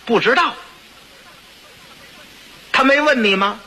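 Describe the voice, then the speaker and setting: A man's voice: very high voice, slow pace, bright, forceful tone, slightly rough, pitched above the performer's own voice, exaggerated voice. A man playing a touchy, pompous old chancellor. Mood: suspicious. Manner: scolding, indignant.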